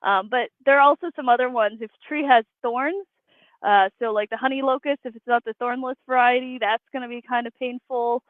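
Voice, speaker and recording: Over a tinny, dry line that sounds like a phone, a woman arborist responds to interview questions in a matter-of-fact way. Her voice is a little high and steady in tone, and she talks briskly on this remote call as a guest.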